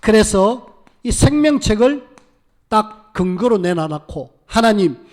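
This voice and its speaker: A man's voice: high-pitched, expressive, moderate pace. A male pastor preaching a sermon, who acts out the prayers of biblical figures with emphatic, rising delivery.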